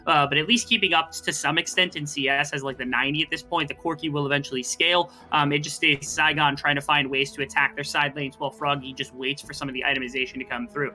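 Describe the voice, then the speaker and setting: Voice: medium pitch, pushed and bright. An esports caster giving live commentary in a wordy, conversational, analytical way.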